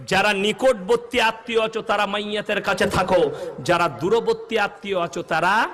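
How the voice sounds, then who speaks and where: A man's voice: high voice, pushed and bright. A man preaching a humorous sermon, telling stories, acting out the villagers he quotes, and firing questions at his audience. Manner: fires rhetorical questions at the audience. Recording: long hall reverb.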